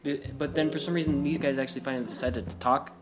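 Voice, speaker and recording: A man's voice: mid-range voice, fairly even intonation, quick pace. A young man co-hosting a casual podcast chat with his brothers, talkative and teasing. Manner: talkative, teasing, laughs often. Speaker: podcast co-host. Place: bedroom at night. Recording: music under the voices. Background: music playing.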